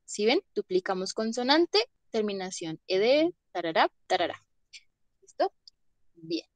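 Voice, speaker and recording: A woman's voice: on the high side, big pitch swings, measured pace, no room sound. A young woman teaching an online English grammar class, patiently checking that students follow along.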